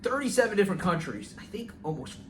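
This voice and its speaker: Young male podcast co-host, relaxed rambling delivery, somewhat high voice, phone recording with light background noise. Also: fast talker. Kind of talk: casual chat. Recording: faint ambient noise, phone mic.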